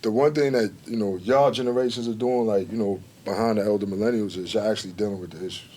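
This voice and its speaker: A middle-aged man, an artist appearing as a podcast guest, speaking earnestly with drawn-out emphasis. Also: on the low side, mellow. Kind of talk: casual podcast chat.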